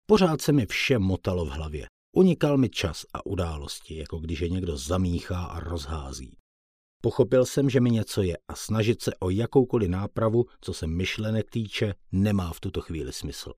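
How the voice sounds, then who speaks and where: A man's voice: low voice, big pitch swings, darkish tone, slightly rough, no room sound, clean studio sound. A man reading a first-person audiobook in a plain, colloquial storytelling manner. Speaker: audiobook narrator.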